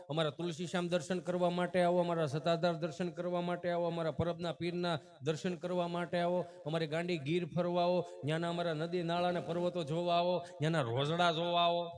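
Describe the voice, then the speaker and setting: A man with a Kathiawadi Gujarati accent from Saurashtra, performing live folk comedy and teasing his audience in a folksy way. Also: high voice.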